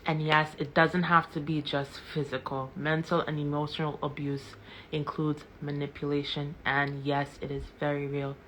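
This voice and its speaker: A woman speaking to her live-stream viewers with passion, hammering her points home by repeating words and questions. Her voice sits a little low but comes across bright and forceful. She talks straight to her audience as a commentator. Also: flat delivery, normal speed, slight background noise.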